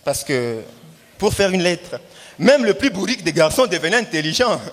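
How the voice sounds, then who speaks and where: A man's voice: high voice, very animated, moderate pace, fairly bright tone. A man performing punchy stand-up comedy, telling stories theatrically with acted-out dialogue and emphatic repetition. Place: live show in a hall. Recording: echoey hall, distant reverb, background noise.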